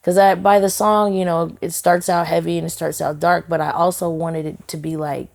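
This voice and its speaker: A woman's voice: lowish voice, flat delivery, moderate pace, creaky, a little mellow. A woman singer and songwriter, a guest in a casual podcast interview, talking earnestly and heartfelt with many "you know" fillers and restarts.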